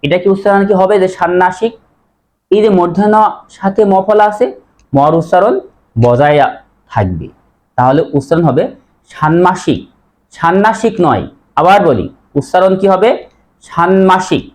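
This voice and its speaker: Man teaching pronunciation, slightly high voice. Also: lively intonation, a little mellow. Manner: repeats words slowly and asks students questions. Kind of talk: pronunciation lesson.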